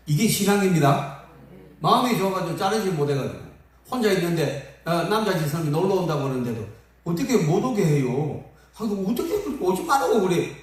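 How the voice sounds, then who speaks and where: A man preaching with a lively, rising and falling voice that swings up and down as he acts out funny stories. He is heard from a distance, and the church rings with a strong echo around him. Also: on the high side. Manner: lively, humorous storytelling with acted-out quotes. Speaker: pastor. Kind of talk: sermon. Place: church sanctuary. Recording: echoey hall from far off.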